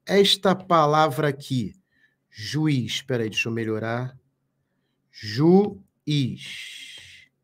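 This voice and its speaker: A man teaching a live online grammar lesson, speaking slowly and emphatically, repeating key words and asking viewers questions. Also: mid-range voice, expressive, fairly bright tone. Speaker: Portuguese teacher.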